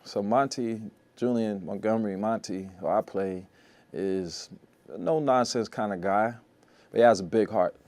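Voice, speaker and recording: A man's voice: fairly low pitch, normal speed, darkish tone. A male actor in an interview who describes his character in a plainspoken way. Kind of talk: interview talk about a character.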